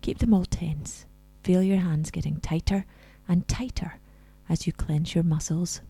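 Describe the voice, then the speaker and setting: A woman leading a scripted guided relaxation in a soft, soothing, breathy spa-like voice that comes close to a whisper. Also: on the low side, fairly even intonation, measured pace, no room sound.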